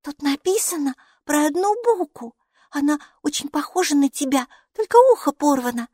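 A woman's voice: high voice, moderate pace, no echo, clean studio sound, pitched above the performer's own voice. A woman voicing a cheerful, chatty six-year-old girl who keeps asking eager questions, in audiobook style. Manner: eager, excited, full of questions. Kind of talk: audiobook character voice.

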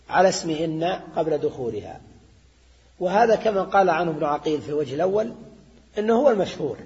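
High-voiced older man teaching grammar. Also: a little mellow. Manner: explanatory, repeats points and checks with students. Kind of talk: classroom lecture. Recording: dull lo-fi recording in a reverberant hall.

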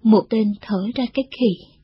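A woman reading a novel aloud as the narrator, in a measured, even way. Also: medium pitch. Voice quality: very husky. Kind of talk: scripted audiobook narration. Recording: dull, dry lo-fi recording.

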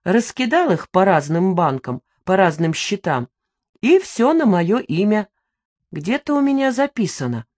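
A woman's voice: medium pitch, sing-song, a little slow, darkish tone. Woman reading as a gloating, sleepy older woman. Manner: gloating, grumbling. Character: older woman, tipsy, spiteful, sleepy mother. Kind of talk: audiobook character voice.

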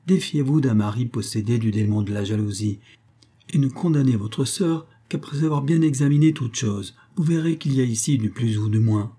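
A man's voice: medium pitch, moderate pace, warm tone, breathy edge, lightly acted. A man voicing a pleading older mother. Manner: earnest and pleading. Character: anxious older mother pleading for her daughter.

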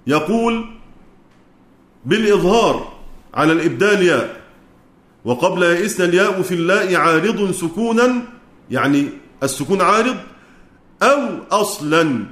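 A man's voice: high voice, fairly bright tone, reverberant. A man with an Egyptian Arabic accent lecturing on Quran recitation, explaining step by step and asking his students questions he then answers himself. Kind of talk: teaching a lesson.

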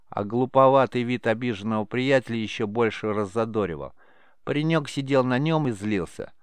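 A man narrating an audiobook in a measured storytelling manner. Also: medium pitch, clear, resonant tone, no room sound, clean studio sound. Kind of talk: scripted narration.

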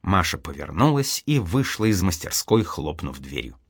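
Low-voiced man reading a historical novel. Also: big pitch swings, moderate pace, husky, dry recording, clean studio sound. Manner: dramatic storytelling. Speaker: audiobook narrator. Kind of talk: expressive scripted narration.

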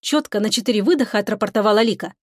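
A woman reading scripted narration for an audiobook, in an even, expressive manner. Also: mid-range voice, very fast, no room sound, studio quality.

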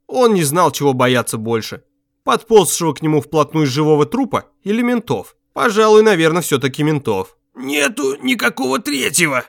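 A man's voice: fairly high pitch, very animated, normal speed, no echo. A man reading a gritty story aloud as an audiobook narrator, putting on a voice for each character.

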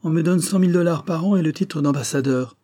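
A man voicing a calm, firm, older American billionaire with a stately manner, in an audiobook. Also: on the high side, normal speed, pitched above the performer's own voice. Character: older male American billionaire, phlegmatic, stubborn.

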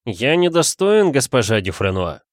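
A shameless gallant detective, as a male narrator plays him, pouring out florid, theatrical flattery. The delivery sits at a middling pitch and sounds close and dry. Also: normal speed, no echo, lightly acted. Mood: fawning. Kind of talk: audiobook character voice.

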